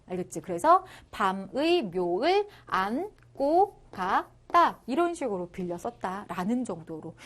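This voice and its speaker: Lively woman teacher explaining a lesson. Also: on the high side. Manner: explains step by step, keeps checking with the listener. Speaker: middle school Korean teacher. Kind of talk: online lesson lecture.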